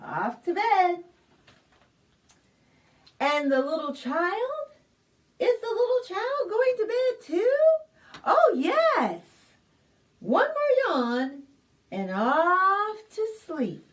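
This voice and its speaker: A children's library storytime reader shares a picture book with young kids in a very high voice, reading very slowly with long pauses. Expressive and sing-song, she asks her listeners questions, and she's recorded from a distance to the mic.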